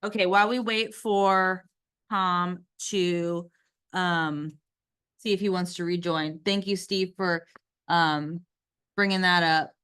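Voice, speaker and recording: Smooth-voiced woman chairing a meeting. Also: on the low side, steady tone, slow, a bit bright. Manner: organized, upbeat, leads the agenda. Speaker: committee chair running the meeting. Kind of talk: public committee meeting discussion.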